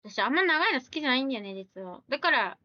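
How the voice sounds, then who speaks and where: A woman's voice: sits high, sing-song, no room sound, dull audio. A woman live streamer chatting casually, reading viewer comments aloud and firing back blunt, teasing retorts. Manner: blunt, teasing retorts mixed with quick questions.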